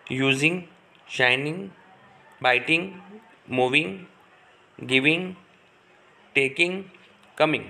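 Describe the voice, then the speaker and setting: Bright-voiced man teaching English spelling. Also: mid-range voice, gravelly. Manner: slow, careful, repeats examples. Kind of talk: explaining an English lesson.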